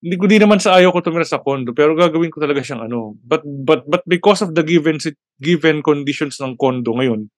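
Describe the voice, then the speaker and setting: Halting man in casual chat. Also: a little high, dry recording, studio quality. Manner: halting, searching for words, mixing in English.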